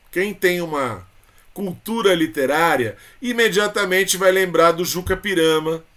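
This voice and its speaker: A man with a Brazilian Portuguese accent leads an exam-prep literature lesson in a chatty, informal way, sprinkling in tag questions and affectionate names for his students. His voice sits on the high side with a fairly bright tone.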